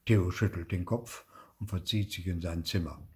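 An older man reading a children's story aloud in a lively, expressive way, with a husky voice. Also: low voice, normal speed. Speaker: storybook reader.

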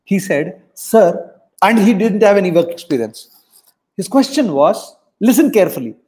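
A middle-aged man with a South Indian accent coaches students in a motivational webinar from a home room over a video call. His voice sits high and a little mellow, with lively intonation and a moderate pace. As a test prep coach, he speaks emphatically, repeats lines for effect, and mixes in Hindi.

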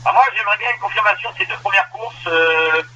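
Hesitant man, bright voice. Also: sits high, quick pace, muffled recording, slight background noise. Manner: hesitant, many fillers and restarts. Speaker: racehorse trainer. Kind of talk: phone interview.

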